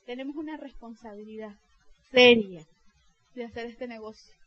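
High-voiced woman giving a heartfelt testimonial. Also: moderate pace, fairly bright tone, husky, lo-fi sound. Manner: heartfelt storytelling, acting out quoted dialogue. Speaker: direct-sales team leader. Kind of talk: motivational testimonial talk.

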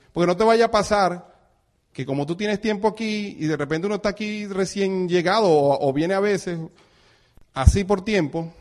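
Animated middle-aged Venezuelan man, higher voice. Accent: Venezuelan Spanish. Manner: animated, acts out dialogue, chuckles often. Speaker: network marketing speaker. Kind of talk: motivational talk to an audience.

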